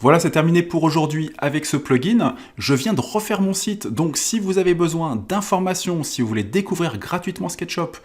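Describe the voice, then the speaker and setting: Guy walking through a software tutorial, chatty, lots of little hop and voilà bits. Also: fairly high pitch, lively intonation, a little fast, few pauses. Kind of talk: screen-recorded software tutorial.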